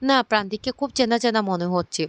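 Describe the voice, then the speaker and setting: A woman's voice: mid-range voice, quick pace, smooth, close to an everyday voice. A woman voicing a middle-aged mother who talks hesitantly, wondering at a familiar face, in a retold family drama.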